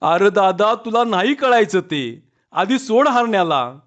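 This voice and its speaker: A man reading a village story voices Saka, a burly, hot-tempered village man who shouts irritably. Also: high voice, sing-song, measured pace, pitched above the performer's own voice, full character voice. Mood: impatient.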